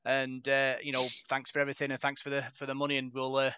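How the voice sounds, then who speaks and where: Bright, crisp-voiced male podcast host. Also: medium pitch, monotone, fast talker, no room sound. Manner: chatty, tells anecdotes with self-deprecating laughs. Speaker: podcast host reading the news. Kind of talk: casual podcast chat.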